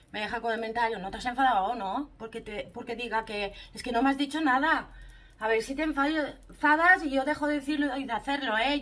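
High-voiced gushing Spanish woman vlogger. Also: a bit bright. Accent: Spanish from Spain. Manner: chatty and gushing, talks to viewers while applying makeup. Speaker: beauty vlogger. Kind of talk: casual makeup review vlog. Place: home room with a ring light. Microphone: camera mounted in a ring light, a bit back.

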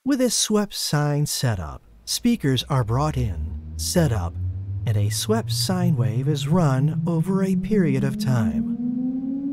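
A man giving scripted documentary narration in a measured, explanatory way, recorded as a voice-over. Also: fairly high pitch, a little mellow, a little hiss or hum.

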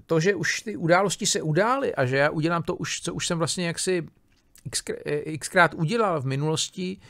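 A man with a slightly raised, gravelly voice lectures on philosophy. He thinks aloud in a loose, conversational way, breaking off sentences and checking in with his listeners as he goes. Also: a little high. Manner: casual, thinking aloud with many fillers, restarts and tag questions. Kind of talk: informal spoken lecture on a philosophy text.

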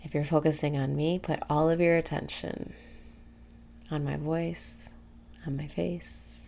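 Slow, gravelly-edged woman guiding meditation softly. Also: deep voice, level tone, a little hiss or hum. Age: young adult. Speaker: meditation guide. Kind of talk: guided meditation. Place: small room indoors.

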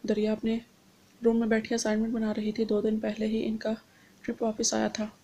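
A woman narrating a romance novel aloud in steady storytelling. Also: fairly high pitch, a little fast.

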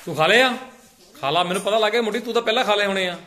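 A man's voice: high-pitched, rapid-fire, bright, forceful tone, a little hiss or hum. A man vlogging with his family, chatting casually and teasing his daughter. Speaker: vlogger, father.

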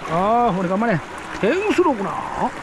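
Filmed on a head-mounted action camera, a man casually narrates his outdoor vlog from a rocky riverbank by night and day, exclaiming and chatting to himself as he fishes and eats. He speaks unhurriedly in a high voice with big pitch swings, against a noisy background.

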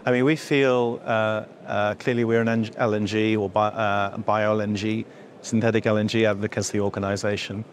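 A man's voice: lowish voice, level tone, moderate pace. A middle-aged man, an industry association executive, answering interview questions, with many fillers and restarts as he explains. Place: indoor event room before a logo backdrop.

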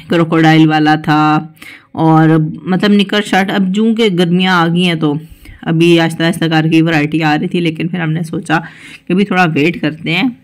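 A young woman, chatting through her shopping trip and listing prices in a friendly, easy way. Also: deep voice. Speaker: shopping vlogger. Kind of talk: casual voice-over narration of a shopping trip.

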